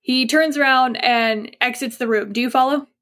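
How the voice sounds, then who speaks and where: A woman narrates a tabletop game as its game master. She is chatty, gropes for words and laughs easily, all in a high voice. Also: normal speed, a bit bright.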